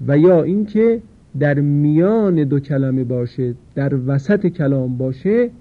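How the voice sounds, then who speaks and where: A man teaching a Quran recitation lesson, explaining rules patiently and slowly drawing out the example words. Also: a little high. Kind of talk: tajweed lesson. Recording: tinny phone-like lo-fi sound.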